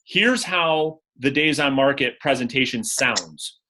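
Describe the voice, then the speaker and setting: Energetic bright-voiced male sales coach. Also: medium pitch, measured pace, rough recording. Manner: energetic, direct, role-plays sales scripts. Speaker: real estate coach. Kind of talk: live coaching call.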